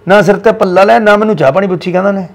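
A man's voice: sits high, racing, creaky. An actor playing an older village father-in-law with a Punjabi accent who lectures his family about honour. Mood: scolding. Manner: scolding, lecturing.

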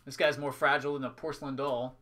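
A man's voice: mid-range voice, level tone, fast, bright, forceful tone. A man hosting a live trading card break, calling out items in short, clipped announcing phrases. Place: indoors at a tabletop with a display backdrop.

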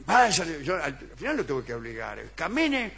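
An Argentine man tells a tall tale in deadpan fashion, his voice bright and a shade high. He chuckles along and slips into the voices of the people he quotes, like a sketch on live radio. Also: moderate pace, vocal fry. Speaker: comic storyteller guest. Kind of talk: comic radio sketch monologue.

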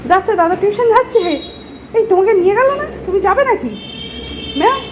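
Woman pet owner, Bengali accent, very high lively coaxing baby talk, home phone video with noisy background. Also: fairly quick. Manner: high sing-song baby talk to the dog, lively and playful. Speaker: pet owner filming her dog. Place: apartment home, indoors.

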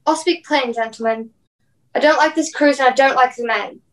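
A woman's voice: sits high, moderate pace, natural voice. A woman playing a blunt, dutiful sea captain, speaking firmly and formally in a radio play. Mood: stern. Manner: plain-spoken, firm, formal.

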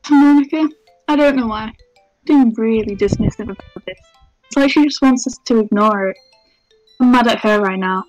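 A woman's voice: fairly high pitch, moderate pace, pauses often, darkish tone, highs cut off, faint music behind, close to an everyday voice. A woman voicing an anxious, pouty teenage schoolgirl from a visual novel, earnest and pleading. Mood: worried, pleading. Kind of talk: visual novel character dubbing.

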